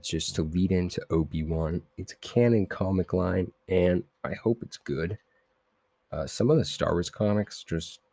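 A man's voice: low voice, a little mellow, no room sound. A young man hosting a podcast, casually recapping comic issues in a loose, rambling way full of fillers and self-corrections. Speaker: podcast host.

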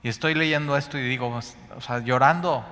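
A man with a Mexican accent preaching a sermon on a Bible passage, repeating words for emphasis and swinging between loud and hushed. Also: medium pitch, fairly quick. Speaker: Bible teacher. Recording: long hall reverb.

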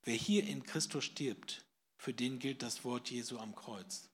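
A man preaching a sermon to a live congregation, swinging from hushed whispers to loud emphasis and putting questions to his listeners. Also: mid-range voice, measured pace, husky. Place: church service, in front of a congregation.

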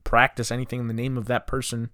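A man's voice: mid-range voice, level tone, quick pace, pushed and bright, no echo, studio quality. A man in his twenties hosting a solo podcast, talking with frustration and firing off rhetorical questions. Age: 20s. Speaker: podcast host.

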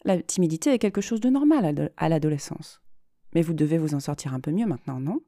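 A woman reading aloud as a reserved female psychologist who speaks in a measured, learned tone. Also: low-pitched, animated, dark tone, no room sound, clean studio sound. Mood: composed. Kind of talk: dramatic reading.

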